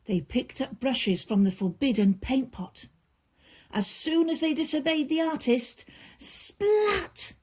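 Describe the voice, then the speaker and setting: A woman storyteller with a high-pitched voice reads a children's bedtime story aloud. Her reading is expressive, with drawn-out emphasis and hushed drops.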